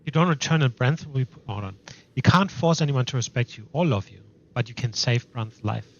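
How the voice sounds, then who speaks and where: A man's voice: mid-range voice, lively intonation, fairly quick, muffled recording. A man streaming a video game live, commenting casually and reading dialogue choices aloud.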